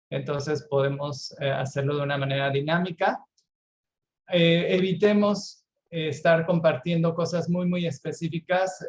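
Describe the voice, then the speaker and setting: A man from Puerto Vallarta with a Mexican accent, giving an online lecture slowly, with many fillers and check-ins to his listeners. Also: a little high. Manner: slow, unhurried explaining with frequent fillers and check-ins. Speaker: herbal medicine webinar presenter. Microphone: video call.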